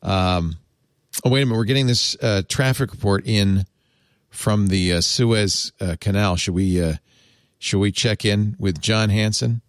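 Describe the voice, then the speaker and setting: A man's voice: lowish voice, measured pace, dry recording, studio quality. A man hosting a casual tech panel, chatty and emphatic, laughing often. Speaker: podcast host.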